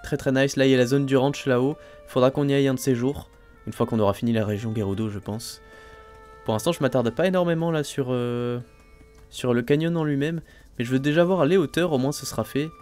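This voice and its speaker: A man casually talking through his own gameplay, thinking aloud and filling pauses with little fillers. He gets excitable over each new discovery. Faint game music plays softly behind him. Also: mid-range voice. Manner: chatty, thinks aloud, frequent "hein" and "euh" fillers. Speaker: let's play host.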